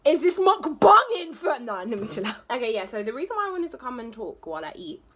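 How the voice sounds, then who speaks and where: A woman's voice: on the high side, big pitch swings, fast. A woman chatting candidly to her phone camera in her bedroom, rambling and talking while she eats. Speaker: vlogger. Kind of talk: casual vlog chat.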